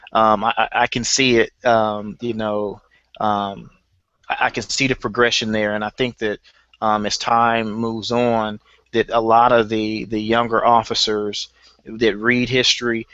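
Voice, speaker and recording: A man's voice: fairly low pitch, fairly bright tone, smooth, no echo. A man from Alabama speaking on a panel, hesitant, repeating himself with many ums. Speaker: panel guest. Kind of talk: casual panel discussion. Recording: dull, lo-fi audio.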